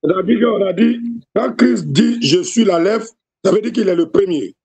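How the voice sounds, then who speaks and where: A man takes part in a lesson as a student, asking questions to check that he understands. His voice is high and husky. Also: animated, moderate pace, a little mellow.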